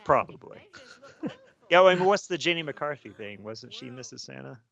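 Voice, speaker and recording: A man's voice: mid-range voice, lively intonation, normal speed, gravelly, fairly bright tone, highs cut off. A man in his forties co-hosting a podcast in casual chat, playful and laughing often. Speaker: podcast co-host.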